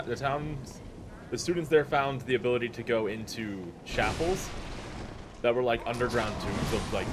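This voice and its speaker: A man's voice: mid-range voice, background noise. A man casually recapping a video game's story for his friends, talking hesitantly with frequent restarts and fillers. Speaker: gameplay co-host recapping lore. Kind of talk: casual let's-play chat.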